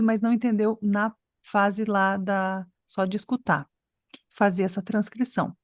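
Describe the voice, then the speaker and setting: A woman's voice: medium pitch, darkish tone, no echo, studio quality. A woman from Brazil teaching an online English pronunciation class, explaining patiently and checking in with her students often.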